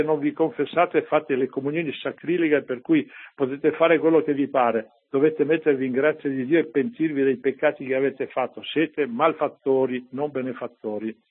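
A man's voice: on the high side, husky. A man who is a priest, preaching a homily in a conversational way and often turning to his listeners with rhetorical asides. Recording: tinny lo-fi radio broadcast.

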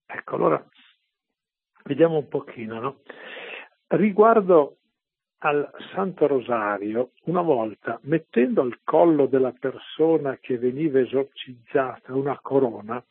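Gravelly man preaching on tinny radio. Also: mid-range voice, lively intonation, measured pace, dry recording. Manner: conversational, asking listeners "capito?". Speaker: religious radio speaker. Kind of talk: sermon-like storytelling on radio. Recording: tinny phone-like radio broadcast.

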